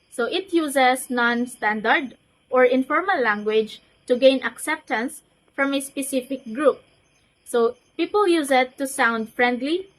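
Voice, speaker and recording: A young woman presents her part of a class report, with each point joined by a quick "so". Her voice is high-pitched and steady. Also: poor audio. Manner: explanatory, with frequent "so" to link points. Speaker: student presenter.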